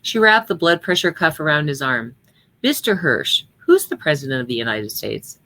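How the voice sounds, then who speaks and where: Low-voiced woman reading a personal story. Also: big pitch swings, moderate pace, bright, forceful tone. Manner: earnest storytelling that acts out the dialogue lightly. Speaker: reader at a memorial service. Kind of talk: reading a personal story aloud, then reflecting.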